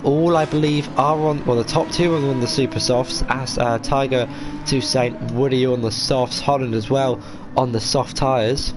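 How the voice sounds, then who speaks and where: A man's voice: medium pitch, fairly even intonation, normal speed, noisy background. A man giving live motorsport commentary on a sim race, hesitant and full of fillers as he follows each move.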